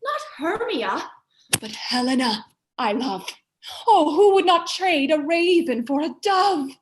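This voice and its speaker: A woman's voice: high voice, very animated, takes it slowly, reverberant, heavily acted. A woman reading the part of Lysander, an ardent young man, with earnest verse recitation. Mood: passionate. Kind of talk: amateur Shakespeare reading.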